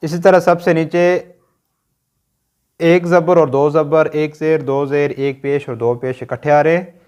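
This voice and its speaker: A man's voice: a little high, fairly even intonation, measured pace, darkish tone, smooth. A man with a Pakistani Urdu accent teaching Quran reading in a recorded lesson, patiently drilling short sounds one by one and checking that learners follow.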